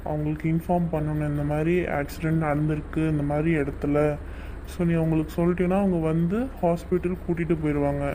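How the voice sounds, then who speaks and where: A man playing a calm adult doctor in a home-made skit, reassuring and explaining things patiently, step by step. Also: on the high side, slight background noise, close to an everyday voice, low-quality recording.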